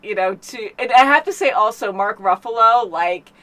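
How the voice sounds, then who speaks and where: A woman's voice: medium pitch, moderate pace, pushed and bright. Chatty woman reviewing a film. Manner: chatty, rambling with many fillers. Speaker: movie reaction host. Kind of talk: casual chat.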